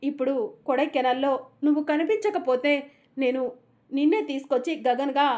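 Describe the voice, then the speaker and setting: A woman's voice: sits high, a little fast, darkish tone, lightly acted. A woman reading a scolding young woman. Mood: exasperated. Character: young woman, frustrated and sharp.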